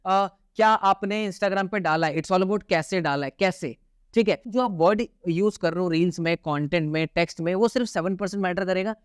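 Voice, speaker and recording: Emphatic, high-voiced male course instructor. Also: smooth, no echo, clean studio sound. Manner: emphatic, keeps asking "theek hai?" to check in; talks in rhetorical questions, then answers them. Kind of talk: recorded course lesson.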